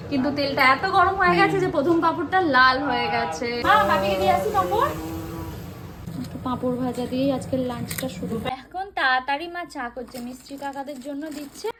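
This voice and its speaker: A young woman with a high, light voice vlogs casually from her family home and kitchen, chatting to her viewers as she goes. She talks to a handheld phone camera, with a faint hum of home ambience behind her. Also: normal speed. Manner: chatty, addresses viewers as guys. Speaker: family vlogger. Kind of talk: casual vlog narration to camera.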